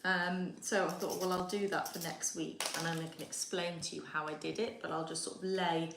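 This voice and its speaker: Speaking fairly quickly in a lowish, level voice, a Yorkshire woman leads a live sewing lesson from her home kitchen, chatting and thinking aloud while working. She is from Yorkshire, England, and the echoey kitchen recording carries background noise.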